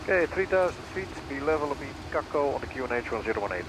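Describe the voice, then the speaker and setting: A man with a Dutch accent, an airline pilot reading back clearances through a cockpit headset mic. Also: mid-range voice, big pitch swings. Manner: clipped, rapid, routine readbacks. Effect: pilot speaking through a cockpit headset mic. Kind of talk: terse radio readbacks to air traffic control. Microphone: headset boom mic. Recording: cockpit engine and air noise.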